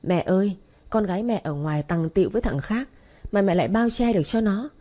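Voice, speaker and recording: A woman voicing an angry, bullying young husband who shouts and sneers in an audio story. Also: mid-range voice, lively intonation, fairly quick, lightly acted.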